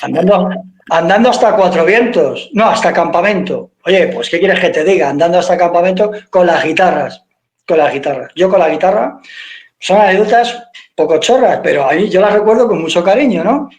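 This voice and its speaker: High-voiced guitarist telling stories. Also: male voice, fairly quick. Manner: lively storyteller who acts out quoted dialogue; swears casually. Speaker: guitarist guest. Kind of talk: casual interview anecdotes. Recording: echoey room.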